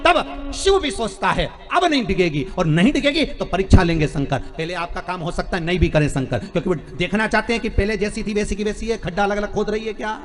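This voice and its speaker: A man preaching a devotional sermon, telling folk stories with repetitive emphatic phrasing and sudden loud bursts between soft asides. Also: sits high, fast, few pauses. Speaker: preacher telling a religious story. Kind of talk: Hindi devotional sermon with storytelling.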